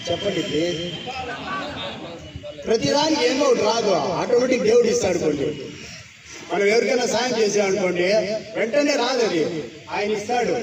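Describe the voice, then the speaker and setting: A man leading a public yoga session, coaxing the group with cheerful calls to clap, shout and laugh. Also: sits high. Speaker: yoga instructor. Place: outdoor public yoga event. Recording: roomy echo from far off, noisy.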